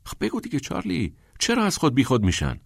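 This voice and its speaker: A doubtful teenage schoolboy, puzzled and insistent, his questions pitched above the reader's own voice, as a man acts him out. The sound is dry and close. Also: huge pitch swings, vocal fry, dry recording, exaggerated voice. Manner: questioning, uncertain.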